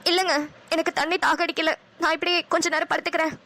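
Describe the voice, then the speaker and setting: A woman's voice: very high-pitched, little pitch movement, fast talker, sharp tone, no room sound, heavily acted. A woman playing a nagging old wife. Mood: scolding. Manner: scolding, emotional. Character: elderly wife and mother-in-law, warm but nagging. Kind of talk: cartoon dialogue.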